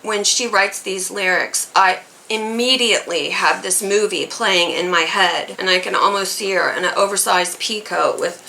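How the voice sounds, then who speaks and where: A woman's voice: medium pitch, normal speed, creaky, few pauses, sharp tone, slight background noise, low-quality recording. A middle-aged woman chatting casually to viewers as host of a reaction video.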